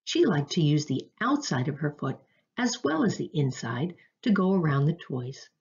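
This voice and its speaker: A woman reads a children's storybook aloud with expressive storytelling. Her voice sits low, yet the pitch swings widely. The recording has a dull, lo-fi sound. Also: moderate pace. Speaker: narrator.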